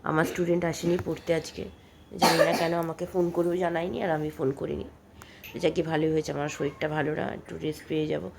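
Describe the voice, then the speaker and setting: A woman's voice: deep voice, little pitch movement, fast, gravelly, noisy background. A woman in her thirties with a cold, chatting in a rambling, homely way as she vlogs her day at home. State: coughing, with a cold. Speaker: vlogger. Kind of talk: casual daily vlog narration.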